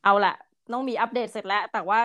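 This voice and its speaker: A young woman co-hosting a casual podcast, lively, chatty and politely friendly. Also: mid-range voice, fast. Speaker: podcast co-host.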